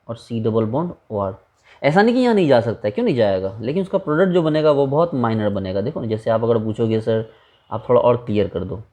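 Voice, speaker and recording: Mellow-voiced man teaching chemistry casually. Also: medium pitch, lo-fi sound. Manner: informal, rhetorical questions, addresses students as brother. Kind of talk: casual blackboard lecture.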